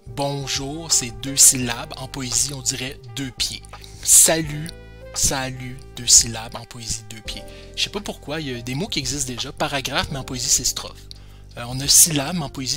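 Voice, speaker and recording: A man's voice: mid-range voice, normal speed, over music. A man teaching poetry basics in a chatty, self-deprecating, joking way. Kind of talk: casual explanatory lesson.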